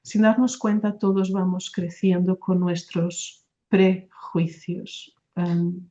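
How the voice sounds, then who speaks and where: Low, steady Portuguese-accented woman. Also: takes it slowly, dull audio. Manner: thoughtful, often adds "¿no?" tag questions. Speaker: religious sister. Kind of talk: reflective interview answers.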